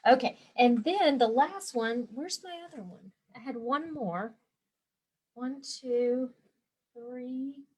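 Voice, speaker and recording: A woman's voice: high-pitched, slow pace, darkish tone, husky. A woman hosting a live quilting and embroidery lesson from her home, chatty and rambling, with many fillers and restarts.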